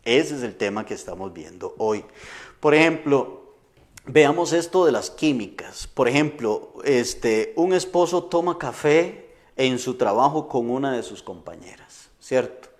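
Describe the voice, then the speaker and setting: A man's voice: mid-range voice, animated, a little slow. Man, middle-aged, pastor, sermon, earnest, conversational, stumbles and restarts.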